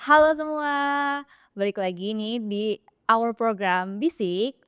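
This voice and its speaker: A woman's voice: medium pitch, animated, slow pace, fairly bright tone, smooth, no echo, clean studio sound. A young woman hosting a podcast, opening the episode with playful banter toward her co-host.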